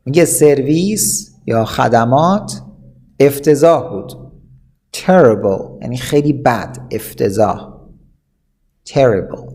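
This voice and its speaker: A man teaching an English vocabulary lesson, reading example sentences slowly and explaining them quickly. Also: mid-range voice, lively intonation, warm tone.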